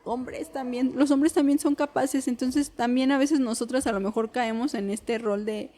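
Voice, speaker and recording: Soft-spoken woman, higher voice. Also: fairly even intonation, normal speed. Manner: tentative, reflective, full of hedges and fillers. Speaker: podcast co-host. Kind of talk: conversational podcast chat.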